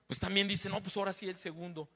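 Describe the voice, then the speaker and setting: High, bright-voiced preacher in a hall. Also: male voice, steady tone, quick pace. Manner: conversational, asks the congregation many tag questions; loud and emphatic, then lowers his voice after being told he is shouting. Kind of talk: sermon. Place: church hall. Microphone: handheld or stand microphone.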